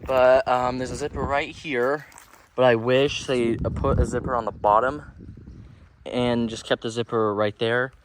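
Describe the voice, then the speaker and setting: A man's voice: mid-range voice, flat delivery, unhurried, background noise. A man hosting a casual review vlog outdoors, talking hesitantly with many ums and restarts. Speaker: inflatable reviewer. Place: outdoors in a yard.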